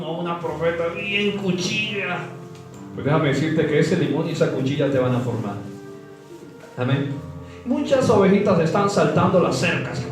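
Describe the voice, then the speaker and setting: A man preaching a sermon, quizzing the congregation with call-and-response questions and swooping emphasis. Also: on the high side. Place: church hall. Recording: echoey hall from far off, faint music.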